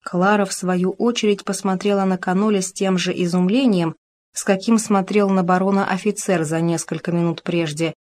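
A woman with a mid-range voice narrates an audiobook from a script, telling the story in a measured, even way.

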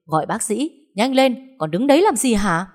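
A woman voicing a hot-tempered peasant woman, an older sister who shouts coarse threats. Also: medium pitch, lively intonation, fairly quick, close to an everyday voice. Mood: panicked.

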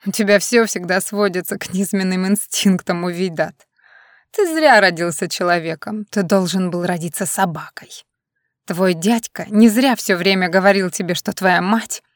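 A woman's voice: mid-range voice, moderate pace, no room sound, studio quality, close to an everyday voice. Woman playing a bitter, heartbroken young woman. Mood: scornful. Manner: bitter, accusing, tearful.

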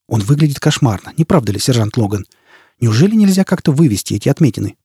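A man's voice: mid-range voice, very animated, quick pace, mellow, husky, dry recording, clean studio sound, exaggerated voice. A man voicing a lonely, anxious young woman teacher who talks in a fretful, pleading way.

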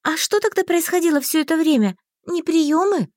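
A woman reading an audiobook voices an excitable, timid young heroine who pleads in an emotional way. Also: extremely high pitch, moderate pace, no echo, studio quality, voice pushed up. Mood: anxious. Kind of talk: audiobook character voice.

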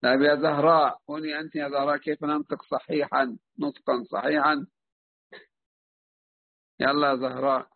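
A man with an Egyptian Arabic accent teaching Quran recitation rules online, patiently quizzing students and modelling slow recitation. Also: on the high side, flat delivery, vocal fry. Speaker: tajweed teacher. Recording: tinny phone-like voice call.

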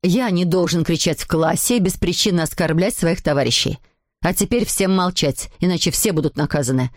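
A woman's voice: fairly low pitch, fairly quick, dry recording, clean studio sound, pitched below the performer's own voice, natural voice. A woman reading aloud voices a strict schoolteacher who gives formal orders. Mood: stern. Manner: scolding, formal. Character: strict female schoolteacher, stern and commanding.

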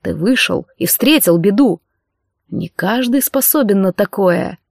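A woman voicing a calm male healer who speaks gently and carefully chooses his words, in a dry audiobook reading. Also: mid-range voice, measured pace, creaky, dry recording. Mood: soothing.

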